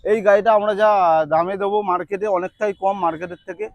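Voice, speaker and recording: A man with a West Bengal accent giving an insistent hard-sell sales pitch as a used motorbike dealer, repeating prices and offers. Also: steady tone, quick pace, gravelly, no room sound, muffled recording.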